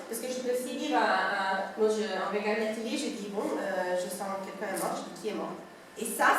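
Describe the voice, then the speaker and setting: Woman teaching a class, lots of hesitating, mid pitch, sounds far off in a big echoey room. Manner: explanatory, with frequent hesitations and "voilà" fillers. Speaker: lecturer. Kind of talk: university lecture. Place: classroom at a summer school. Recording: very echoey room, distant mic, faint noise.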